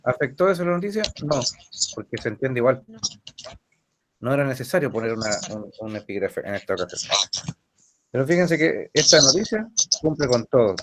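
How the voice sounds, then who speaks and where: Chilean male teacher, patient explainer, quizzes his student over a faint hiss. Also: mid-range voice. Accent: Chilean Spanish. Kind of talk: recorded language lesson. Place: online class session.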